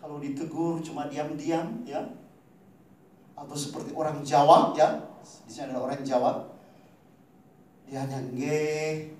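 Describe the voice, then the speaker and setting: A male pastor preaching a sermon, addressing the congregation directly, swinging between loud emphatic peaks and quiet low asides and tagging his lines with a questioning "ya". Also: little pitch movement, measured pace, long pauses, a little hiss or hum. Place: church hall. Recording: very echoey hall, from far off.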